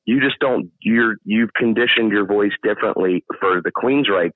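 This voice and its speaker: A middle-aged man with a deep, low baritone speaking voice chats casually in an interview as a guest singer, explaining at length, thinking aloud, and restarting sentences often. He talks at a moderate pace over a narrow, phone-like line, with a dry recording and no room sound at all.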